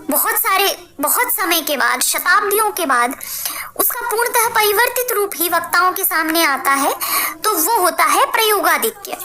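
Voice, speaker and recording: High-voiced woman teaching a patient lesson. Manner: measured, patient lecturing with repeated phrases. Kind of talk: explanatory spoken lesson. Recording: clear background noise with clicks.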